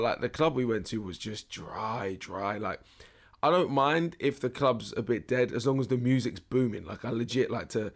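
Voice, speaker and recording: A young British man with a hoarse, worn-out voice, hosting a casual podcast in a jokey, slangy, rambling way. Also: medium pitch. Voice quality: hoarse, strained voice. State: hoarse, losing his voice. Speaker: podcast host. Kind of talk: casual solo podcast chat.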